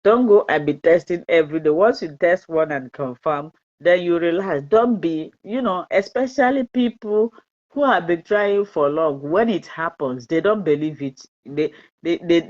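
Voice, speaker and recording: A Nigerian woman, Igbo by first language, hosts a live-stream fertility talk and reads out viewer comments. Her voice is on the low side, a little mellow, at normal speed, and she's chatty and repetitive, laughs often, and slips into pidgin. The live-stream audio is dull and lo-fi.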